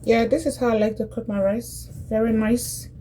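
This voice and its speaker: A woman talks her viewers through a home cooking demo, chatty and repetitive. Her voice sits a little high but sounds soft and mellow. Faint hiss lies under the talk. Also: steady tone, moderate pace, rough recording. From Liberia, West Africa. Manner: chatty, repeats phrases, addresses viewers directly. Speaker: cooking vlogger. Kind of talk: casual cooking demonstration.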